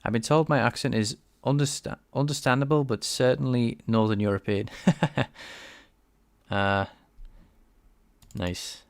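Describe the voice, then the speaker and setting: An English man with a light Scouse accent live-streams game programming on a desk microphone, chatting with viewers as he works. His mid-range voice moves a little slowly, with long pauses. He thinks aloud, answers chat, and enunciates carefully.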